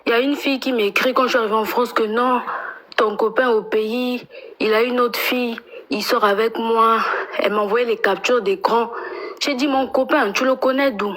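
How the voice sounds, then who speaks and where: Hesitant woman caller, slightly high voice. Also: steady tone, normal speed, a bit bright. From Congo. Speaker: caller asking for advice. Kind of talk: phone-in conversation.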